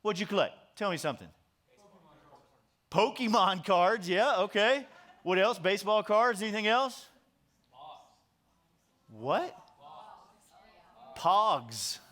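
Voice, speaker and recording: A man's voice: sits high, very animated, slow, pauses often, sharp tone. A man preaching a sermon as pastor, conversational and joking, drawing in his audience.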